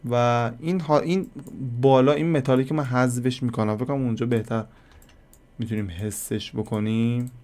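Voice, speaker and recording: A man with a plain, mid-range voice teaches a software lesson over a screen recording. He talks casually, calls his viewers kids, and thinks out loud as he clicks, pausing to find simple ways to explain things. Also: medium pitch, fairly even intonation. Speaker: software tutorial instructor.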